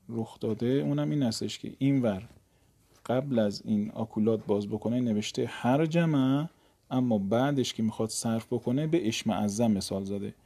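Gravelly, dark-voiced Persian-speaking male teacher. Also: mid-range voice. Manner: drills conjugations slowly, then explains in casual speech. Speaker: Arabic grammar teacher. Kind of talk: recorded lesson, reciting verb conjugations.

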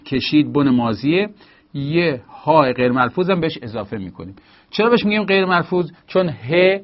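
A man teaching a grammar lesson, explaining patiently with small hesitations. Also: mid-range voice. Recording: slightly dull lo-fi recording.

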